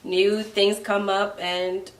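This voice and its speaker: A woman in her twenties with a Ghanaian accent, a guest in a casual conversation, gives earnest advice in a medium-pitched, flat, slow voice. The mic is at a distance, so the recording sounds roomy.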